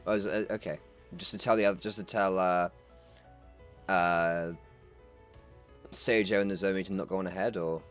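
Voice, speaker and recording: A man with a lowish voice narrates as game master, describing the scene loosely with fillers. Faint music plays behind. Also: steady tone, moderate pace, long pauses, clean tone.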